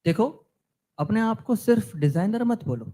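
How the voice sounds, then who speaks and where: A man's voice: high-pitched, expressive, normal speed, dark tone. A man playing a talkative young content writer on a date in a scripted comedy sketch, preachy and fawning.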